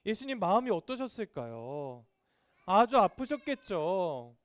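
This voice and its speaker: A man's voice: sits high, unhurried, no echo. A man giving a children's sermon, asking the kids questions and acting out voices. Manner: animated, asks children questions; acts out quoted voices. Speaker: children's ministry preacher.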